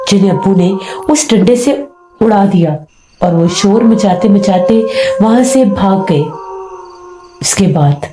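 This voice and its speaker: A woman's voice: medium pitch, background noise. Woman telling a horror tale, echoey. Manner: first-person telling with acted dialogue. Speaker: storyteller. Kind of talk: scripted horror narration. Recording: roomy echo with faint music.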